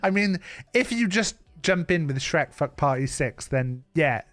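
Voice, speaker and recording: A man's voice: fairly high pitch, expressive, measured pace, fairly bright tone, dry recording, soft background music. A Welsh man hosting a live stream, chatting casually and teasing, rambling with fillers. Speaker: streamer host. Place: home streaming setup.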